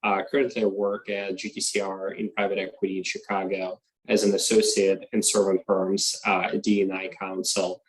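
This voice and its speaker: A man's voice: sits low, monotone, normal speed, low-quality recording. A young man introducing himself on a video call panel. He hesitates often and fills gaps with uh and you know. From Russia. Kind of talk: casual self-introduction.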